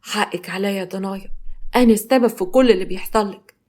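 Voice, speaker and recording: A woman doing a hushed, tender imprisoned mother. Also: medium pitch, fast talker, close to an everyday voice. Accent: Egyptian Arabic. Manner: soft, hushed and comforting.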